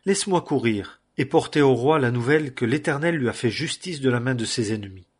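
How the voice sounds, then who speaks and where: An eager young messenger pleads and reports in a husky, breathy voice, as a male reader takes his part. He sounds urgent and earnest, read aloud from scripture. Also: medium pitch, animated, fairly quick. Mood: pleading.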